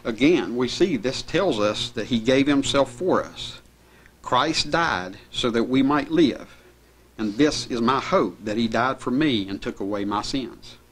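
A middle-aged man preaching a sermon at a pulpit in a small chapel, reading scripture verses in an earnest, steady way. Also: medium pitch, measured pace. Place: small church chapel indoors. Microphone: pulpit mic.

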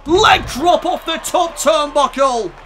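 A man with a very high, bright voice shouts dramatic wrestling play-by-play over a game, his voice straining from the effort. He calls the action at an unhurried pace. A faint arena crowd murmurs behind him. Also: soft background music. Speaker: YouTube gaming commentator.

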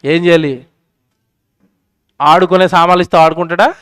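High-voiced male preacher quizzing the crowd. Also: steady tone, normal speed, clear, resonant tone, no echo, clean studio sound. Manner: questioning the crowd, swinging between loud and soft. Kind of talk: sermon at a public meeting. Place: public meeting.

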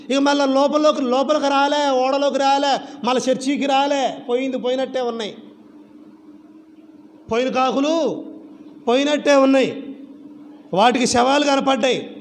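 Animated male preacher with a high voice, quizzing his flock, long hall reverb. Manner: animated, asks the congregation repeated rhetorical questions. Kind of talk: church sermon. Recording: reverberant church hall with faint background noise.

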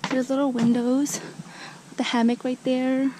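A young woman casually vlogging at a rural campsite, chatty and relaxed, filming with a handheld camera at arm's length. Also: high voice, measured pace, noisy background. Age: young adult. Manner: chatty, relaxed, filler-heavy. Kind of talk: casual travel vlog. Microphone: handheld camera or phone at arm's length.

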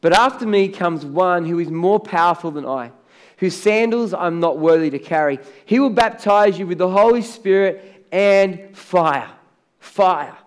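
A middle-aged pastor with an Australian accent preaches a sermon on a large church stage lit in blue. His voice sits high, clear, and resonant at a measured pace, chatty at first, then emphatic on key words.

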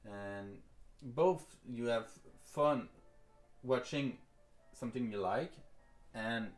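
A French-born man whose accent falls between Paris and Quebec chats easily through a live craft lesson, repeating words as he works and slipping into plain English. His voice sits in an ordinary middle pitch. It rings in an echoey room with faint music behind. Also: a little mellow. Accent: mix of Parisian French and Québécois. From France. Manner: casual and chatty, repeats words while working, switches to simple English. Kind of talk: live-stream craft tutorial, reading chat aloud.

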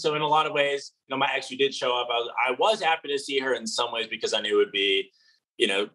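A man in his twenties, a reality show contestant, answers interview questions over a video call from his apartment living room, earnest but full of restarts and fillers. His mid-range voice is bright and forceful, and the recording is rough.

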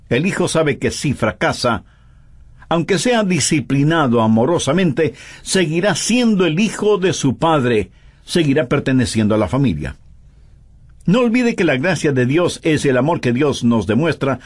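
A man preaching a sermon in a voice-over, emphatic and full of pointed rhetorical questions. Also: on the high side.

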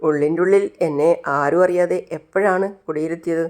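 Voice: mid-range voice, steady tone, a little fast, a little mellow, natural voice. A storyteller voicing a playful young woman who teases and coaxes a young man. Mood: teasing. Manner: teasing, coaxing.

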